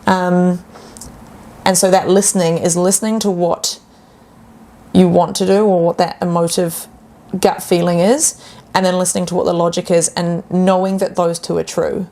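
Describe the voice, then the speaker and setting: A woman talks casually as a guest health coach on a podcast. Her voice sits a little low with a gravelly edge, and she acts out voices in a lively, animated way. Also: normal speed.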